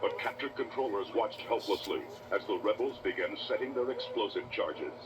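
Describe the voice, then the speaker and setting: A man with a fairly low voice narrates a children's read-along adventure at normal speed, in a dramatic, scripted storytelling style. The recording is very noisy, playing back as muffled, distorted toy cassette audio, with loud dramatic music behind him.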